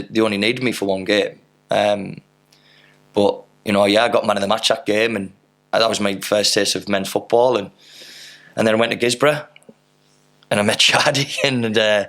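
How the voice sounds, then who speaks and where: Gravelly, flat-voiced man. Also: fairly low pitch. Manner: rambling anecdotes with fillers and mild swearing. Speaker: podcast guest, footballer. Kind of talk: casual interview storytelling.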